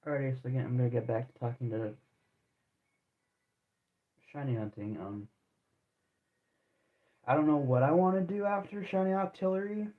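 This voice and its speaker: During a live game stream, a man in his twenties chats loosely with viewers at normal speed, leaving long pauses. His medium-pitched voice carries lots of slang and restarts, and the sound is tinny and phone-like.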